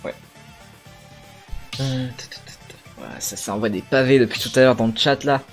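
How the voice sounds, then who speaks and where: A man's voice: mid-range voice, moderate pace. A man giving casual, analytical esports caster commentary, thinking aloud and repeating phrases. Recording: faint music behind voice.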